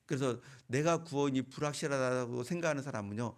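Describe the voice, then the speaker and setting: A man's voice: medium pitch, fairly quick. A middle-aged man preaching a sermon, telling a personal story and asking the congregation questions. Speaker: pastor.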